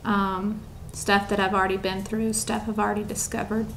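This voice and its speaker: A woman's voice: mid-range voice, flat delivery, normal speed, a bit bright, a little hiss or hum. A young woman chatting casually to camera at home, rambling with lots of ums and a bit out of breath. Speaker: vlogger.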